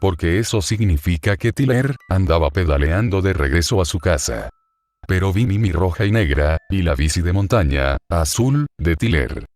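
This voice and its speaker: A man reading a first-person horror story aloud in measured, short phrases with pauses. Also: low-pitched, animated, a little mellow, no echo.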